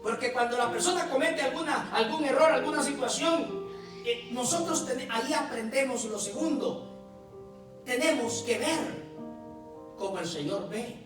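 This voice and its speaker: A man preaching a sermon, pausing for effect and acting out quotes in his own voice. He stands well back from the microphone in a roomy, echoing church hall, and music plays underneath. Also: very high voice, distant mic. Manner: preaching with dramatic pauses and acted quotes. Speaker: pastor. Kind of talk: Spanish-language sermon. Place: church sanctuary.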